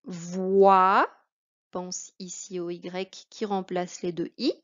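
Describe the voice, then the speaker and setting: A woman with a French accent teaching a reading lesson to a child, speaking slowly and carefully. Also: fairly low pitch, level tone, darkish tone. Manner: slow, careful, addressing a child. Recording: dull lo-fi recording.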